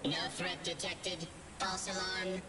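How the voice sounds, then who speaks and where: A woman voicing a calm female security computer in a video game, giving clipped, even alert announcements. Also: fairly low pitch, takes it slowly. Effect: game security system voice.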